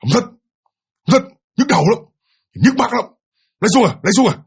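A possessed middle-aged mother, put on by a man, snaps in a high, strained voice. Her words tumble fast and run together in clipped bursts. The voice is husky and edged. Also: sing-song, heavily acted. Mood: irritable.

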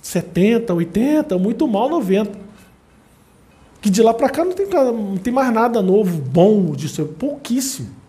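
A man's voice: sits high, normal speed. A man with a Brazilian accent giving a chatty, casual talk to an audience, repeating words for emphasis. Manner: chatty, repetitive, animated asides.

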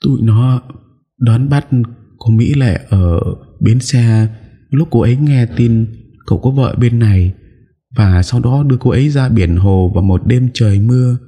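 A shifty middle-aged gangster woman, as a male reader puts her on, her voice dark and husky. She stammers and wheedles, sly but easily scared. An audiobook character voice, pitched above the reader's own. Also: a little slow. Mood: confessing. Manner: stammering, pleading.

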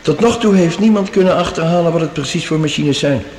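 In a radio play, a male actor voices an affable curator on a Mars base, chatting casually in a gossipy, hesitant, puzzled way. His voice is a little high, quick and slightly mellow, close to an everyday voice, set in a very echoey, cave-like hall with faint noise.

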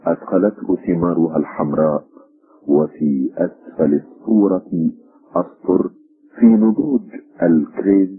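A man reads a story aloud with measured, literary pacing. His voice is very deep and strongly husky. The sound is dull and lo-fi, like an old radio broadcast. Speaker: narrator. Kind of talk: scripted radio story narration.

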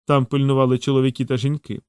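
A man reading a fantasy novel aloud in measured, steady audiobook narration. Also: medium pitch, smooth, no room sound, clean studio sound.

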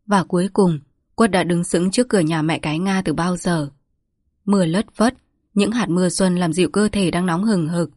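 A woman's voice: fairly low pitch, moderate pace, darkish tone, no echo. Woman reading a village story, dry close sound. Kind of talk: scripted story narration.

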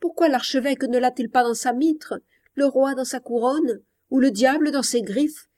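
Woman reader doing passionate young man swearing a vow; vehement, mellow storybook delivery. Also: sits high, normal speed, voice pushed up, natural voice. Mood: fervent. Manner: fervent, vehement. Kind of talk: audiobook reading.

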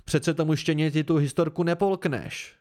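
A man's voice: mid-range voice, level tone, clean tone, lightly acted. A man voicing a scornful tavern fiddler who scoffs at a story.

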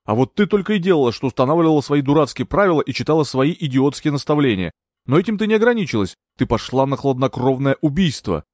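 Man doing a delirious sea captain, ranting, shouting orders, lively pitch, dry sound. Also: fast talker, no echo. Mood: bitter. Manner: ranting, loud, accusing.

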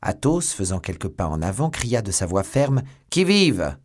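A man narrating a classic novel as an audiobook, with expressive storytelling that swells at dramatic moments. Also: low voice, normal speed.

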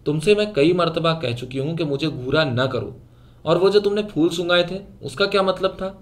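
A woman's voice: sits low, pitched above the performer's own voice, close to an everyday voice. A man reading a short story aloud, voicing an agitated, suspicious young woman who questions sharply.

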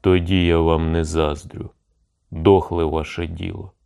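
A gloomy, towering cossack read by a man speaks in a blunt, grim tone. His voice is deep and low, told as a storybook reading. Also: level tone, a little slow, gravelly, mellow, clean tone.

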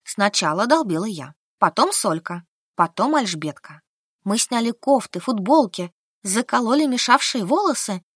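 A woman narrating an audiobook in first person, with lively storytelling. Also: a little high, normal speed, slightly rough, dry recording. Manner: lively storytelling with acted dialogue. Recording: dry close recording.

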